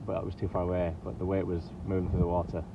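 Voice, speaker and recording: Wind and water come through clearly in this dull, lo-fi action-camera recording of a vlogger out kayaking at sea and later on the beach. He talks rapid-fire in a deep, completely flat voice. His chat is casual and rambling, full of "you know".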